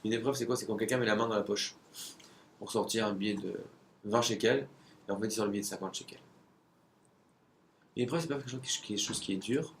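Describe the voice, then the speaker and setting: A man's voice: fairly low pitch, fast talker, long pauses, slight background noise. A man giving a conversational religious lesson, asking rhetorical questions and sometimes searching for words.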